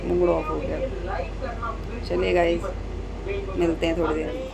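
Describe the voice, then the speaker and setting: A woman's voice: on the low side, little pitch movement, measured pace, creaky, over a noisy crowd. Chatty woman vlogging at home. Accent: Hindi. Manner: chatty, addresses viewers as guys. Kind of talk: casual home vlog chat. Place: home kitchen. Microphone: phone camera. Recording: noisy home phone recording.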